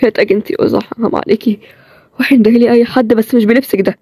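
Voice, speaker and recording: A woman voicing a tired, stubborn young man with an Egyptian accent, in a low-key, plain-spoken way. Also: steady tone, rapid-fire, dark tone, husky, dry recording. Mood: weary. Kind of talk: storybook role-play series.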